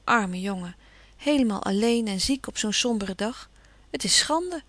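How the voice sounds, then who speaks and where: A woman's voice: mid-range voice, animated, unhurried, a bit bright, dry recording. A woman reading aloud, voicing a spirited, outspoken teenage girl in a storybook. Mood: indignant.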